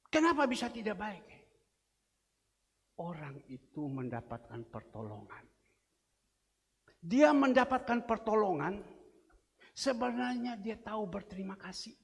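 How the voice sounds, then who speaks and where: A middle-aged man preaching a sermon as pastor, swinging from loud emphatic outbursts to quiet low asides. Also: gravelly, slightly rough. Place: large church hall. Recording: church hall reverb.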